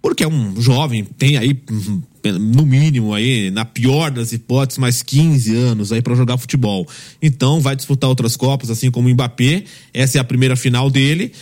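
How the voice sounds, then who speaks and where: A man hosting a football panel, measured and pausing on fillers. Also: medium pitch, a little mellow. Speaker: host. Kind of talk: sports panel commentary.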